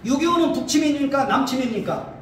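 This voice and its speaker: Male pastor from Chungcheong, combative lecturer, pitch swings widely, captured from afar in a very echoey hall with faint noise. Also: lively intonation, fast, distant mic. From Chungcheong, Korea. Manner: combative, rhetorical questions, repeats phrases. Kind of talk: political lecture to an audience.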